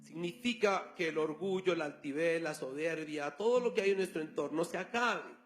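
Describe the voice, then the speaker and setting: A man's voice: on the high side, normal speed, soft background music. A male pastor preaching a sermon, telling a story and acting out the dialogue. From Colombia.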